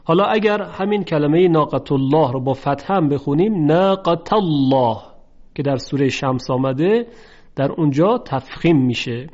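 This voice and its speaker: Slow, careful man teaching recitation. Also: a little high, expressive, darkish tone. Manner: slow, careful, repeats example words in drawn-out chanting. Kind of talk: tajweed lesson. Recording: dull lo-fi recording.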